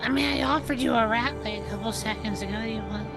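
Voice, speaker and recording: A woman's voice: on the high side, fast, loud music behind the voice. A woman playing a tabletop game, chatty and playful. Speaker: player. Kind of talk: casual tabletop play.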